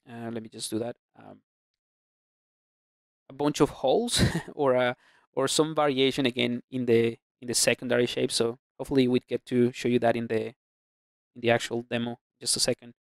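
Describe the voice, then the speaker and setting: This close-miked voice-over comes from a ZBrush instructor guiding a screen-recorded 3D sculpting tutorial. His medium-pitched voice is clear and resonant, and he casually walks through his brushes, thinking aloud with lots of fillers and restarts, in a dry, clean studio sound.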